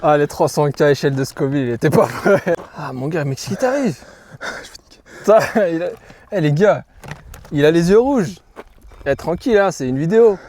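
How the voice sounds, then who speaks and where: A man's voice: on the high side, expressive, normal speed, pauses often, a little mellow. A young man hosting a challenge vlog, bantering casually in informal youth slang. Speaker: challenge host addressing viewers. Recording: noisy ambient background.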